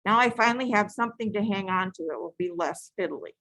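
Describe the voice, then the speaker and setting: A woman's voice: medium pitch, lively intonation, fast talker, bright, forceful tone, no echo, rough recording. A woman teaching a beading stitch live, giving patient, repetitive step-by-step instructions and sometimes correcting herself. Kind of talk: step-by-step craft tutorial.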